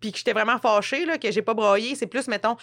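A woman's voice: a little high, fast talker. A woman with a Quebec French accent, chatting casually and laughing often as she tells stories. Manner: laughing often, animated storytelling. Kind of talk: casual chat.

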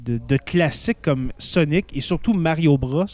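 A man with a Québécois French accent chats casually as host, his voice sitting a little high. He talks in loose, rambling sentences full of restarts and fillers. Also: normal speed, darkish tone. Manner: rambling, many false starts and fillers. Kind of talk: casual chat.

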